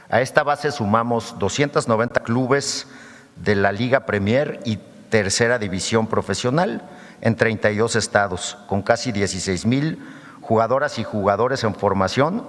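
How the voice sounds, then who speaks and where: Man, low voice, formal official presenting figures and slides at a podium; long hall reverb. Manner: reads figures steadily and calls for the next slide. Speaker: government official presenting at a press conference. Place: government press conference hall.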